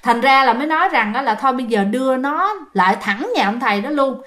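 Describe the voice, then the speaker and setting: Woman, Southern Vietnamese accent, high voice, chatty ghost-story narration, talks to listeners. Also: animated, fast, a bit bright. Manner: chatty, addresses listeners directly. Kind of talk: casual spoken storytelling.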